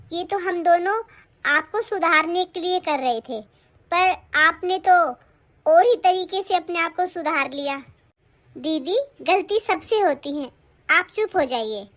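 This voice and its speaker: A woman voicing a kind, humble young daughter-in-law in a Hindi cartoon, speaking softly and consolingly. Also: very high-pitched. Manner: soft, consoling.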